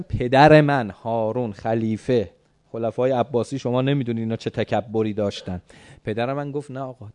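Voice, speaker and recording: A man in the middle of a sermon, narrating a story with a warm, mellow voice of ordinary pitch. He swings between hushed passages and loud, declaiming bursts, and now and then turns to address his listeners directly. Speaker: preacher.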